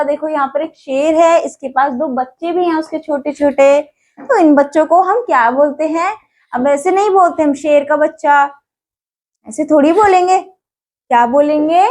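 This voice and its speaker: A woman teaching young children in a coaxing, questioning way, asking things and answering them herself. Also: sits high. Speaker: online school teacher. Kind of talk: children's English vocabulary lesson.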